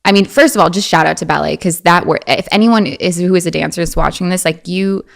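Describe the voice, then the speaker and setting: A woman in her twenties, a guest talking casually in an interview, animated and often slipping into a high girlish voice. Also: fast, creaky. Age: 20s.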